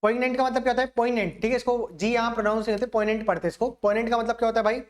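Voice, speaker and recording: A young man teaching exam vocabulary, explaining each word with everyday examples and asking the class often if it is clear. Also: very high voice, fairly even intonation, very fast. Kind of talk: vocabulary lesson.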